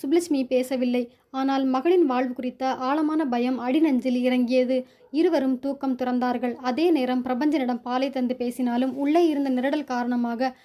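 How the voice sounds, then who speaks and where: A woman storyteller reading a short story aloud in a steady, even way. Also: high voice, normal speed. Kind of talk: scripted narration.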